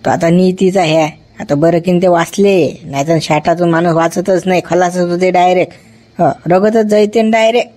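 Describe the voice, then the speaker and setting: A man's voice: high-pitched, fairly even intonation, normal speed, darkish tone, close to an everyday voice. A man playing a self-important hospital doctor in a comedy sketch, reassuring relatives and scolding staff. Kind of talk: village comedy sketch acting.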